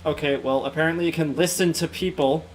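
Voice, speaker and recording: A man's voice: on the high side, steady tone, fast talker, soft background music, low-quality recording. A man playing a game and chatting casually, with wry, musing asides. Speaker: game player. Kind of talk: casual let's-play chat.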